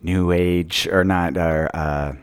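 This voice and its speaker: A man's voice: sits low, steady tone, slow, clear, resonant tone. A man co-hosting a podcast, telling rambling stories in casual chat and laughing often. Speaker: podcast co-host.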